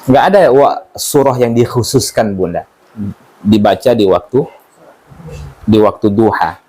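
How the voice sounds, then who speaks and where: A man's voice: fairly low pitch, unhurried, warm tone. Man teaching a casual Quran study. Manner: informal, joking, asks the audience questions. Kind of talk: religious study lesson.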